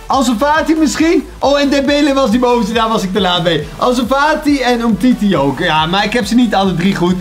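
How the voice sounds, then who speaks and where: A young man with a Dutch accent, chatting casually and excitedly as he plays a football quiz for his channel, muttering to himself as he guesses. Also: extremely high pitch, a little fast, few pauses, soft background music. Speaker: YouTuber playing a quiz. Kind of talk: casual commentary while guessing.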